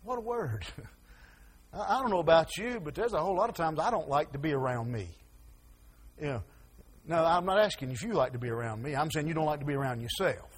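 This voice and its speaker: Preacher, man; high husky voice, folksy, stammers, loud and soft by turns. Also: expressive, fairly quick. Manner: folksy, stammering restarts, swings from soft asides to loud emphasis. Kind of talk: sermon.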